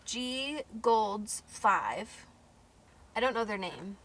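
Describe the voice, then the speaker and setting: A young American woman takes her time as she reads out viewer questions. Her voice is bright and mid-pitched, and she laughs easily during the chat. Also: animated, extremely slow, slight background noise. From Idaho, United States. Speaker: co-host asking questions. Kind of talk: casual Q&A chat.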